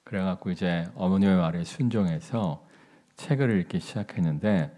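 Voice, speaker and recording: A male pastor delivers a sermon in a very low, deep voice. He speaks slowly and deliberately, tells personal stories, and asks the congregation questions. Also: warm tone. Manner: slow, deliberate delivery, telling anecdotes and asking the congregation questions.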